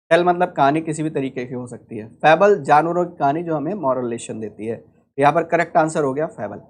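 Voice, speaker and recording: In an online lecture for exam preparation, an Indian-accented man with a voice on the high side teaches English vocabulary. He walks through the material step by step and keeps asking the class rhetorical questions.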